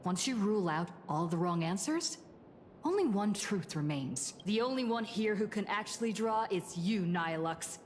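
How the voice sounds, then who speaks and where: A woman voicing a calm, sharp-witted female detective figure in a game cutscene. She speaks in a measured, deductive way. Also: mid-range voice, long reverb tail, slight background noise, lightly acted.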